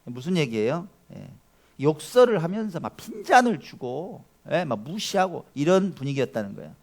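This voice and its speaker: A pastor preaching a Sunday sermon, swinging dramatically between soft murmurs and loud exhortation. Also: male voice, on the high side, very animated, moderate pace, creaky. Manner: acts out quoted voices to the congregation.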